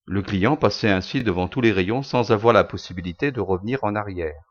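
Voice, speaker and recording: Man narrating a story in a low voice. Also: brisk. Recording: dull lo-fi recording.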